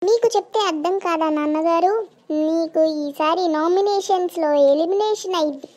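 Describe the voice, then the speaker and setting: A woman plays a cheeky young cartoon boy with a squeaky, sky-high voice. He answers back to every grown-up who tells him what to do. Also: moderate pace, darkish tone. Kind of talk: cartoon voice acting.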